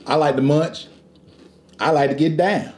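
A man hosts a casual snack review from a room at home. His voice is mellow and relaxed at a middling pitch, and he talks in a playful, joking way. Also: a little slow. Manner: joking, playful, chuckles as talking. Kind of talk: casual food review chat. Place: living room at home, indoors.

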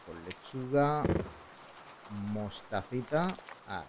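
Chatty Spanish gamer, game ambience behind. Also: male voice, medium pitch, expressive, slow pace, noisy background. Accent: Spanish from Spain. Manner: chatty, playful, muttering to himself. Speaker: gaming video host. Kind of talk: casual gameplay commentary, reading dialogue aloud. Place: indoor streaming setup. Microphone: close desk boom microphone.

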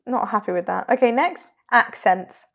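A young woman in relaxed podcast banter, chatty and giggly, often restarting her sentences. Her fairly high voice carries a gravelly fry. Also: normal speed. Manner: chatty, giggly, self-interrupting. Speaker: podcast co-host. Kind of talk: casual chat.

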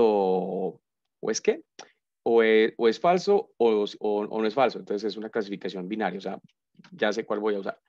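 In a dry, dull lo-fi recording with no room sound, a lowish-voiced man from Colombia runs a relaxed live coding class as a university lecturer. Chatty throughout, he thinks out loud and hums nonsense while typing.

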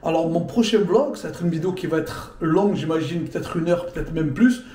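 A man in his thirties telling a casual vlog story from inside his car, lively and slangy, talking straight to the viewer. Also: fairly high pitch, brisk. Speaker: vlogger.

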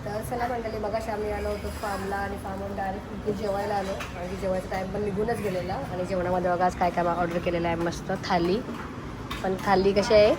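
A woman's voice: medium pitch, little pitch movement, brisk, heavy background noise. A woman in her thirties vlogging about a family day out. She chats to viewers and coaxes her child, first from a parked car and then outdoors at a farm. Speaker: vlogger and mother. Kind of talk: casual family vlog.

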